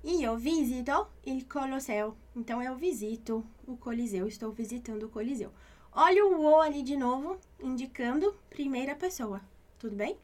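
A woman's voice: sits high, lively intonation, normal speed, a little mellow. A woman with a Brazilian Portuguese accent teaching an Italian lesson, patiently repeating each point and checking in with the listener. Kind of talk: online language lesson.

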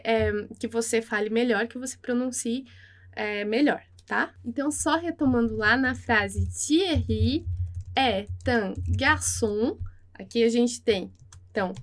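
A woman teaching French pronunciation in a lesson, repeating words slowly and carefully. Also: on the high side. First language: Portuguese.

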